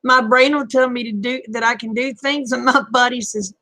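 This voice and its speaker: A woman in her fifties chats casually with her stream viewers, folksy and talkative and quick to chuckle. Her voice sits a little high but carries a gravelly fry, and it sounds dry and close to the mic. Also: steady tone, sharp tone, dry recording, rough recording. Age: 50s. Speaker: live chat stream host.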